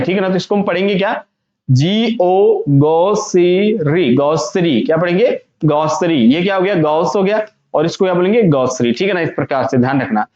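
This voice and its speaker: Male teacher, repetitive drawn-out delivery, echoey room, muffled lo-fi sound. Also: fairly high pitch, a little mellow. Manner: repetitive, drawn-out words, frequent "theek hai na". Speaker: vocabulary teacher. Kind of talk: classroom lesson, spelling out pronunciations.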